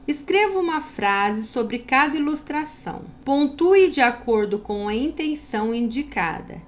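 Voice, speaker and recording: A woman teacher with a Brazilian Portuguese accent, reading a story aloud to children and explaining the punctuation of a schoolbook lesson slowly and deliberately. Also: on the high side, a little hiss or hum. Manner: slow and deliberate, stressing punctuation with lively read-aloud intonation.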